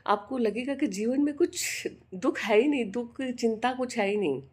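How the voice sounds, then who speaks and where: An older woman vlogging in casual chat, telling fond stories about her granddaughter and raising her pitch to imitate the child. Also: normal speed, a little mellow, husky.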